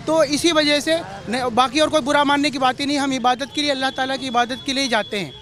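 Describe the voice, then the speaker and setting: Man, very high voice, street interview, indignant, emphatic, repeats himself, outdoors. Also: steady tone, brisk, fairly bright tone, a faint crowd.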